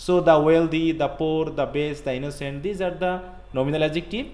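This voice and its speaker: A male English grammar teacher with a Bangladeshi accent, giving a live online class that mixes English and Bengali, with slow, halting English full of "uh" and "actually" and quicker Bengali asides. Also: a little high, fairly even intonation, a little mellow. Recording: echoey room.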